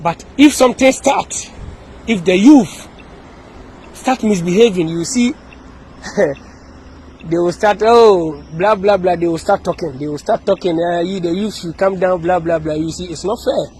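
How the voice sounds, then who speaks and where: A Ghanaian-accented man records an impassioned message outdoors, hammering points home by repetition. His voice is high for a man, and faint traffic drifts in behind him. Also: a little slow, a little mellow, rough recording. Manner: repetitive, emphatic, with many restarts. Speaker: activist speaking to camera.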